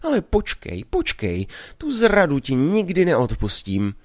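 A man's voice: fairly high pitch, huge pitch swings, darkish tone, dry recording, studio quality, pitched above the performer's own voice. A man reading a story aloud, voicing a proud young village woman in a raised, reproachful voice. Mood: indignant. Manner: reproachful, indignant.

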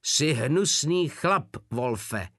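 A man's voice: mid-range voice, animated, fairly bright tone, dry recording, studio quality, voice pushed up. A man voicing a sly, wisecracking male soldier who talks down to his rival in a mocking, mock-fatherly tone. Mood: scornful. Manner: condescending, mock-fatherly teasing.

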